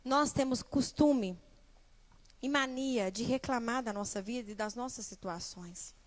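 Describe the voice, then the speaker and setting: A young woman preaching a sermon in church, animated, putting rhetorical questions straight to the congregation. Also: a little high, measured pace. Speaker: guest preacher and small-group leader.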